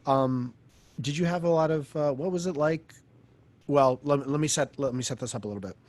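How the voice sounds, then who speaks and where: Male podcast host, mid-pitched, relaxed and talkative, long rambling questions. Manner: chatty, asks long winding questions. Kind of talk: casual interview chat.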